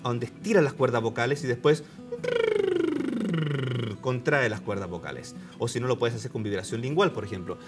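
A man, a voice therapist on a TV show, explaining patiently with animated intonation. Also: medium pitch, normal speed, pauses often, over music. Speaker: voice therapist guest. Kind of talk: explanatory TV interview.

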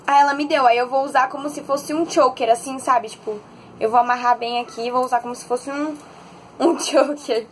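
A woman, chatting excitedly in a haul vlog from her bedroom at home. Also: sits high, fairly quick, slight background noise. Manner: chatty and excitable, animated storytelling. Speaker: vlogger.

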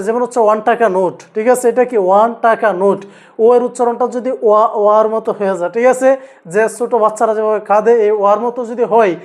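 A man teaching an English grammar lesson, asking students repeated rhetorical questions as he drills each rule. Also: sits high. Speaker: English tutor.

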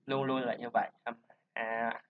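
A man's voice: medium pitch, little pitch movement, moderate pace. A man teaching English pronunciation, chattily explaining and drilling each sound over and over. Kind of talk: screen-recorded lesson talk. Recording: dull lo-fi voice recording.

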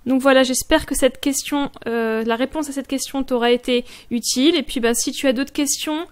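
A woman teaching Moroccan Arabic pronunciation, saying each word slowly and repeating it, and speaking to the viewer in a friendly, informal way. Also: sits high, steady tone. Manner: slow, careful drilling of words with repeated examples. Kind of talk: pronunciation lesson addressed to the viewer.

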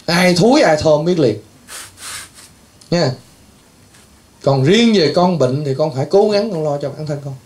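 A male priest with a high-pitched voice. He rambles, scolds and lectures his listeners, often breaking into exclamations. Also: lively intonation, measured pace, long pauses, darkish tone. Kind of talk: scolding talk to patients.

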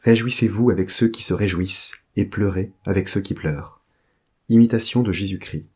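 A man giving a poetry reading, a steady recitation that also reads out titles and poem numbers. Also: fairly low pitch, normal speed, husky. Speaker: reader.

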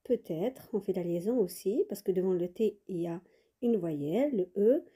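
A woman teaching French phrases in a lesson, saying model sentences slowly and repeating them, with quick explanations in between. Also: mid-range voice, animated, dark tone, breathy edge. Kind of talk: bilingual language lesson.

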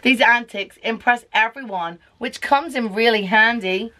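A mother reads a picture book aloud to her small child, her voice sitting fairly high. She is coaxing and sing-song, and she keeps pausing to quiz him about the pictures. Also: bright, forceful tone. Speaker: parent reading to her child.

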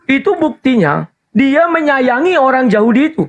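A man's voice: very high voice, animated, moderate pace. A man in a heated religious debate over an online call, insisting on taking turns and explaining his position. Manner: insistent, keeps demanding turns to speak. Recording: slightly muffled call audio.

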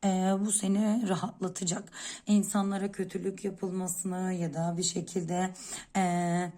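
A woman's voice: on the low side, little pitch movement, a little slow, warm tone. A woman speaking as a coffee-cup fortune teller, giving unscripted predictions and advice directly to one listener in a searching way.

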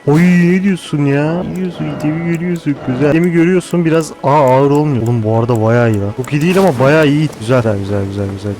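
Excitable man narrating his gameplay. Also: medium pitch, racing, few pauses, music in the background, poor audio. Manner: excitable, swears casually, thinks aloud. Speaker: gaming host. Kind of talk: casual gameplay commentary.

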